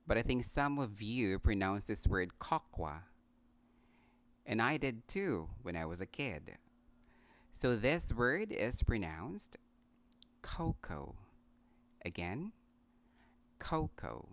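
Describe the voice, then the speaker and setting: A man with a Filipino accent teaching English pronunciation, repeating each word deliberately and slipping in Tagalog phrases. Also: on the low side, fairly bright tone, no echo. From Philippines. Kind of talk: pronunciation lesson.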